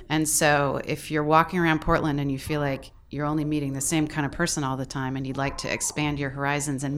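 A woman who volunteers as a mentor, speaking in a measured, thoughtful way in an interview. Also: deep voice, slight background noise. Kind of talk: casual interview talk.

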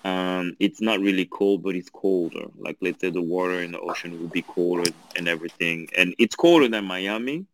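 A man's voice: low voice, normal speed, hardly any pauses, slight background noise, low-quality recording. A man from Angola calling in as a podcast guest over a remote line that breaks up, chatting casually and chuckling as he explains. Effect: remote call line that breaks up. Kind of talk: casual chat. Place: calling in from home city far away.

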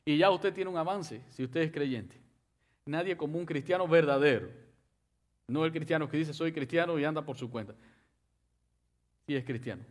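A male pastor preaching a sermon, reading scripture and speaking directly to his congregation, with sharp swings between loud and soft. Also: a little high, normal speed, long pauses. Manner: preaching, with sharp rises and drops in loudness; reads scripture aloud and addresses the congregation directly.

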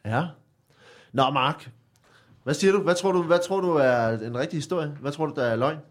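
A man hosting a casual podcast quiz, hesitant and joking, with many fillers as he talks. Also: on the high side. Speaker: podcast host and quizmaster.

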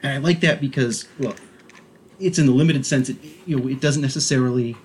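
A man co-hosting a podcast, speaking in an easy mid-range voice. He rambles and gets animated, stacking restarts and fillers as he talks. Faint noise hums behind him. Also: mid-range voice, brisk. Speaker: podcast co-host. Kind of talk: casual chat.

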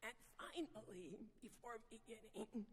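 A woman guest preacher with a husky, strained, sultry voice, addressing a congregation in measured, deliberate phrases. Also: fairly high pitch, slight background noise. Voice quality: husky, strained voice from vocal dysphonia, self-described as sultry. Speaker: guest preacher, church executive presbyter. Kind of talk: sermon with greetings to congregation. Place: large church sanctuary. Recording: reverberant church hall, amplified.

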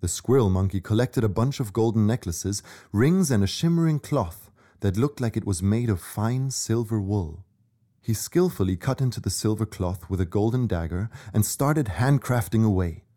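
Narrating a children's story, a man reads in a fairly low voice with a dark, relaxed tone that suits scripted storytelling. He speaks at normal speed.

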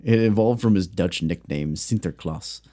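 A podcast co-host with a very low, mellow voice chats casually at a moderate pace. He rambles through facts, full of ums and restarts, keeping things jokey.

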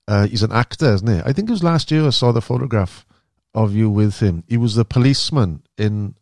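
A man's voice: lowish voice, fairly quick, a little mellow, no echo, studio quality. A man interviewing someone in a casual, chatty style. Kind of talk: casual chat.

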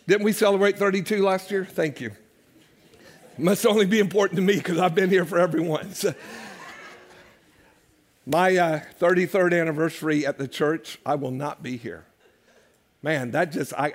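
Older man, pastor's sermon, high voice, chatty and joking with the congregation. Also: steady tone, normal speed. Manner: conversational, jokes with the congregation. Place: church sanctuary.

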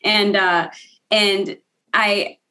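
A woman speaker and coach, a guest on an interview show, telling her story with lively, candid energy and easy laughter. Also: medium pitch, very slow, poor audio. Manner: lively, laughs easily, acts out quoted voices.

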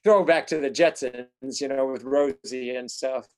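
A podcast co-host in casual chat, mostly chiming in with short agreements and quick remarks. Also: mid-range voice. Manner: brief agreeing interjections.

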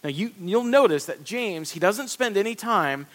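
A man's voice: high-pitched, expressive, normal speed, a bit bright. A man preaching a conversational sermon, earnest, often repeating and restarting his words. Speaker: pastor.

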